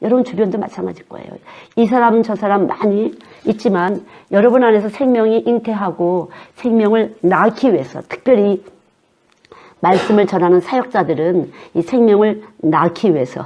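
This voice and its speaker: A middle-aged woman preaching a sermon earnestly and emphatically. She drops suddenly to soft asides and acts out prayers in the first person. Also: medium pitch, moderate pace, dull audio. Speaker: children's missionary preacher.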